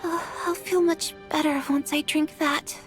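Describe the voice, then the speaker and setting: Game role: kind young woman, high-pitched, slow and halting, gentle reassurance. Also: fairly even intonation, soft background music. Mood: weak, reassuring. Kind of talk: video game voice acting.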